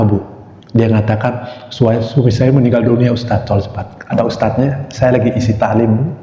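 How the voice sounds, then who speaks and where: Male Indonesian preacher, mellow tone, storytelling sermon in a roomy mosque hall. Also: medium pitch. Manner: storytelling, acting out quoted dialogue. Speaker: ustadz preacher. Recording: echoey hall, dull lo-fi sound.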